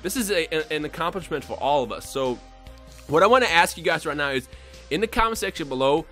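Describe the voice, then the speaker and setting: Young guy from bosnia rambling to his subs, talks real fast, kinda high voice, faint music behind. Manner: excitable, rambling, many restarts. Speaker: YouTuber. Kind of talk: unscripted casual vlog talk.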